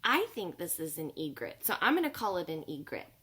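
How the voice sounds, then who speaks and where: A woman preschool teacher reading a picture book aloud to children, gentle and expressive. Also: on the low side, brisk. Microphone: home video recording.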